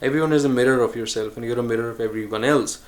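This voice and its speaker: Pausing and correcting himself as he goes, an earnest male vlogger reflects in a solo monologue on choosing calm over harshness. His voice is mid-pitched and his musing delivery is unhurried.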